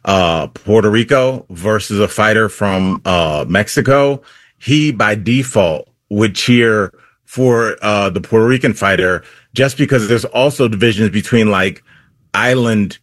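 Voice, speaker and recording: A man's voice: lowish voice, unhurried, a bit bright, no room sound, clean studio sound. A man, a comedian guesting on a talk show, telling stories in a loose rambling way full of fillers. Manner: rambling, filler-heavy storytelling. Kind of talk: casual talk show chat.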